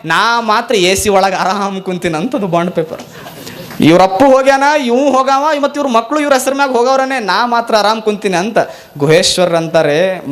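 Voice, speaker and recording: A high-pitched man preaches a sermon in a North Karnataka accent. He tells folksy stories, acts out the dialogue of the people in them and chants devotional verses in a slower, measured cadence. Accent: North Karnataka Kannada. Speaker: monk preacher.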